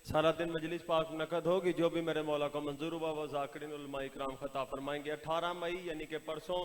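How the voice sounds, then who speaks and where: A man with a Pakistani Punjab Urdu accent making a measured public announcement that repeats dates and details. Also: on the high side, level tone, a little hiss or hum. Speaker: announcer at a majlis. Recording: reverberant hall PA sound.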